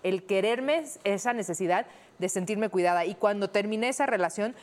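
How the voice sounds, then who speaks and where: A woman's voice: medium pitch, moderate pace. A woman co-hosting a podcast, talking candidly and reflectively in casual chat. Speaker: podcast co-host.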